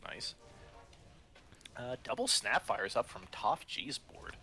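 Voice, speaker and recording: A man co-casts a live esports match in a bright, forceful voice with an animated pitch. He breaks down strategy in detail. Faint background noise sits under his voice. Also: takes it slowly. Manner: analytical, explains strategy. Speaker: esports analyst co-caster. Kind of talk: live game commentary.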